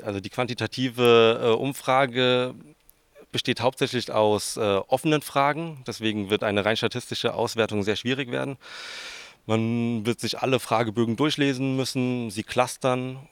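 This interviewee is a student researcher in his twenties, from southern Hesse, with the region's German accent. His medium-pitched voice has fairly even intonation, a moderate pace and a clean tone, recorded without echo. He answers the interview questions informally, with some hesitation.

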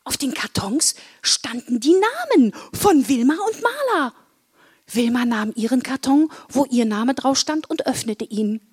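A woman reading a children's story aloud, with an expressive, varied storytelling delivery. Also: high voice, measured pace, husky. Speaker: story reader.

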